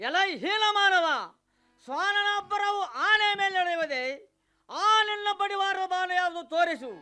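A man's voice: very high voice, moderate pace, bright, forceful tone, soft background music, exaggerated voice. A man voicing a cruel, boastful demon in a mythological radio play, speaking in a declamatory, threatening way. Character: boastful cruel male demon, menacing and loud.

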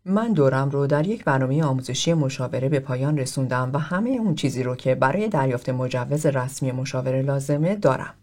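A man's voice: mid-range voice, a little mellow. A man reading the part of an aloof philosopher who talks in a formal, blunt, lecturing way.

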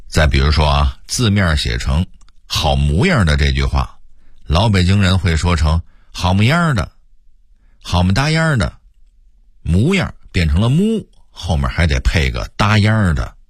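A man's voice: a bass voice, very animated, moderate pace, breathy edge, no echo, studio quality. A middle-aged man narrates a scripted radio story, explaining and imitating local pronunciations.

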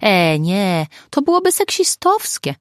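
A woman reading the lines of a brisk, teasing amateur sleuth in an audiobook. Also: mid-range voice, sing-song, no room sound, studio quality, pitched above the performer's own voice. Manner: brisk, matter-of-fact, teasing. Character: grown woman, sharp-witted amateur sleuth.

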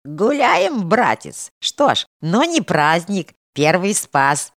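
A woman voicing a boisterous, tipsy young soldier, loud and excited, in a storybook reading. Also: low-pitched, a little slow, no room sound, clean studio sound. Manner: loud, excited, a bit drunken.

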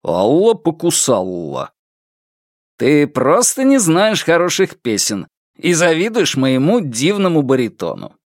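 A man's voice: on the high side, wildly swooping pitch, a little slow, no echo, clean studio sound, pitched above the performer's own voice, exaggerated voice. A man voicing a playful, teasing male detective in an audiobook, ironic and joking, sometimes breaking into song. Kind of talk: audiobook character voice.

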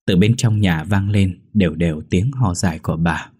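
A man narrating a ghost story in a steady, measured reading voice. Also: deep voice, slightly rough.

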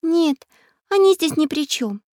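A woman voicing a timid little girl with a high, piping voice. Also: lively intonation, a little slow, darkish tone, no room sound, studio quality.

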